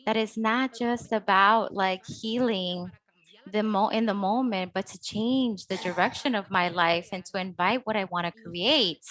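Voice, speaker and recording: A woman's voice: mid-range voice, a little slow, a bit bright, rough recording. A woman hosting a healing workshop, speaking hesitantly with many fillers and restarts. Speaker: host. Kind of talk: workshop talk.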